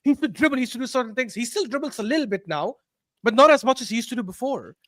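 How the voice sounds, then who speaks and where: A man's voice: very high-pitched, racing, no echo, studio quality. A young British man co-hosting a casual football podcast, arguing his point emphatically with lots of "like". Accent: British English. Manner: animated, emphatic, argues with repeated "like". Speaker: podcast co-host.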